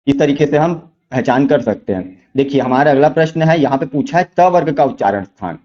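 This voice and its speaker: Male exam-prep teacher, mellow tone, patient step-by-step explanations, lo-fi audio. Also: mid-range voice, animated. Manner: repeats key answers slowly, asks rhetorical questions. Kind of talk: explaining quiz questions step by step.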